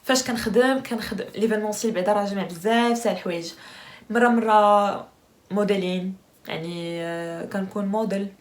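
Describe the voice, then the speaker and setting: Fast-talking young Moroccan woman. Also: medium pitch. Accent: Moroccan Arabic. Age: 20s. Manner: chatty, laughs often between answers. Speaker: vlogger. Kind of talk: casual Q&A vlog.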